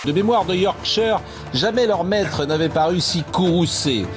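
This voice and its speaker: A man's voice: high-pitched, measured pace, over music. A man reading a scripted television report voice-over.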